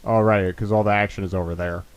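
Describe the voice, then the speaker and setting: A man's voice: lowish voice, fairly even intonation, fast, clear, resonant tone. A young man co-hosting a casual movie commentary, rambling and joking with sarcastic asides.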